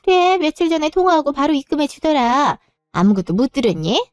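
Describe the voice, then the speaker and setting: A woman's voice: high-pitched, very animated, brisk, no echo, clean studio sound, faint music behind, pitched above the performer's own voice. A woman voicing a reproachful, pushy middle-aged mother-in-law who talks down and scolds in a story reading. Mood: puzzled, calm.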